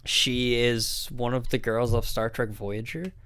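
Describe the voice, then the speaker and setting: A man's voice: medium pitch, flat delivery, a little slow, a bit bright, slight background noise. A man co-hosting a casual podcast chat, telling a rambling story with lots of fillers. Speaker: podcast co-host.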